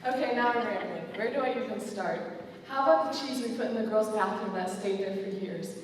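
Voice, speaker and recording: A woman's voice: mid-range voice, a little fast, slight background noise. Teen girl, joking graduation speaker with a put-on British accent, heard far off in a hall with long reverb. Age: teens. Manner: playful, self-mocking British put-on accent. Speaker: student speaker. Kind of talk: graduation speech.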